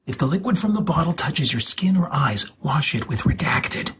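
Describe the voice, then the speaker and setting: A male host reads step-by-step instructions slowly and dramatically, over-enunciating in a husky, breathy voice. His pitch sits fairly high, his tone is fairly bright, and he's very animated.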